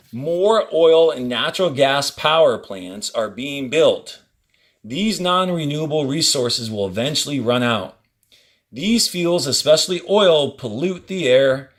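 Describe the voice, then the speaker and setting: Reading a textbook out loud, this male fourth-grade teacher leans deliberately on key words and drops in brief teaching asides. His voice sits in the mid-range with a fairly bright tone.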